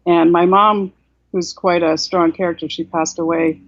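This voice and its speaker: A woman in her sixties who was raised in South Korea reflects at length as a guest author in a casual video-call interview from a room at home. Her lowish voice keeps a fairly even intonation at a moderate pace, with many "you know"s and restarts. The laptop webcam mic gives dull, dry audio.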